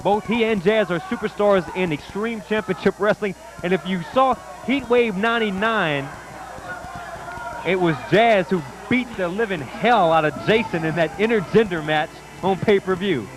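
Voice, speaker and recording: A man's voice: high-pitched, normal speed, noisy background. A man giving live wrestling commentary from ringside in an enthusiastic, emphatic way.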